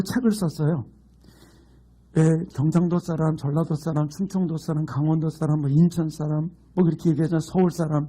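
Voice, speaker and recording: A man's voice: on the high side, warm tone. A middle-aged man from Gangwon Province preaching a sermon as pastor, emphatic and mixing in humorous folksy stories. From Gangwon Province, Korea.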